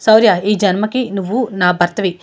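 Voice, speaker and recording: A woman voicing an obsessive young woman who keeps pleading and apologising, in a flat, even tone. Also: medium pitch, a little fast, close to an everyday voice.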